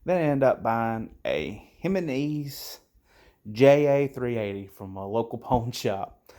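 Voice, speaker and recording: A man's voice: mid-range voice, slow. Rambling man telling a story. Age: 30s. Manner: rambling, relaxed, lots of fillers and restarts. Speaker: gun channel host. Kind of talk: casual story-time vlog. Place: home, early morning.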